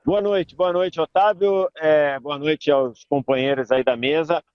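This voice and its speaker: A high-voiced man speaks to a sports panel as a reporter back from the stadium. He tells what he saw slowly and thoughtfully. The sound is dull and close, with no room echo. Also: steady tone, clean tone. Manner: slow, reflective storytelling. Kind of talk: debate panel commentary.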